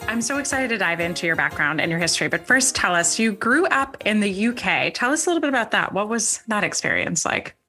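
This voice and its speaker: A woman's voice: medium pitch, sing-song, quick pace, few pauses, pushed and bright, faint music behind. A woman hosting an interview podcast, upbeat and enthusiastic as she introduces her guest and asks questions. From born in Switzerland, raised abroad. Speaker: podcast host.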